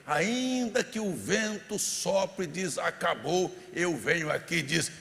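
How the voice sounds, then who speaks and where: Man, Brazilian pastor, fiery sermon, bright sharp tone, low murmurs to shouts, live church recording with reverb. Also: very animated, unhurried, vocal fry. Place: large church hall.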